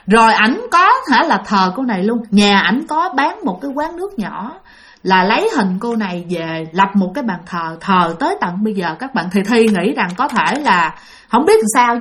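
A woman's voice: on the high side, fairly bright tone. Chatty woman storyteller. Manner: chatty, addresses listeners directly. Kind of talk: casual spoken ghost story.

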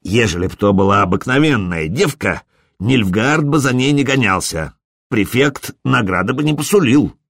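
A man voicing a gruff male bounty hunter who speaks with a rough rustic drawl. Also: medium pitch, expressive, normal speed, a bit bright, no echo, clean studio sound.

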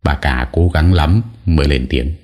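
A man's voice: rumbling low, measured pace, a little mellow. A man narrating an audio story in a dramatic storytelling manner.

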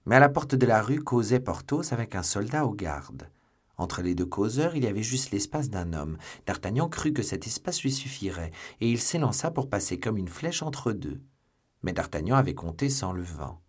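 A man reading a classic novel aloud as an audiobook narrator, in measured, expressive narration. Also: fairly low pitch, slightly rough. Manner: measured and expressive, voicing the characters. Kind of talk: scripted literary narration.

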